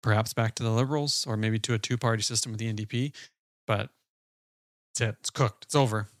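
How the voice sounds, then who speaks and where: A man's voice: fairly low pitch, fairly even intonation, a little fast, no echo, studio quality. A man guesting on a podcast, giving blunt, pessimistic opinions in casual chat over a remote call. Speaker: guest commentator.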